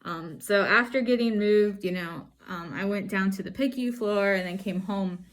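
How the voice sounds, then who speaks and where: Female vlogger, medium pitch, voice through a face mask. Personal testimony: earnest, reflective, halting delivery. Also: poor audio. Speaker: vlogger sharing stroke recovery.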